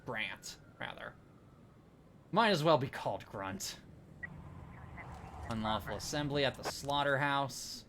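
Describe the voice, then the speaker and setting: Bright-voiced male game streamer. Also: medium pitch, expressive, takes it slowly, long pauses, a little hiss or hum. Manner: chatty, reads game text aloud, thanks viewers. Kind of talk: casual live-stream commentary.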